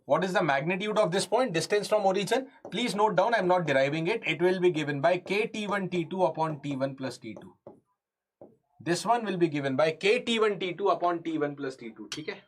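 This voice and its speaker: North Indian man teaching, higher-pitched voice. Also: expressive, quick pace, a little hiss or hum. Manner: repeats phrases, asks students questions, mixes Hindi into English. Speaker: engineering exam lecturer. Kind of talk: live online lesson, explaining step by step.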